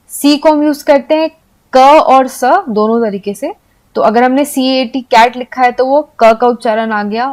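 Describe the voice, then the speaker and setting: A woman giving a patient video lesson for Hindi speakers, explaining step by step and spelling letters out slowly. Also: a little high, darkish tone. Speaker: English teacher.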